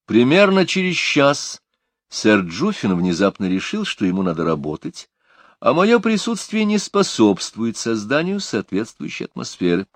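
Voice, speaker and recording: A man reading a first-person audiobook narration in an expressive, lively storytelling manner. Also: medium pitch, moderate pace, no room sound. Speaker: audiobook reader. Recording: dry close studio sound.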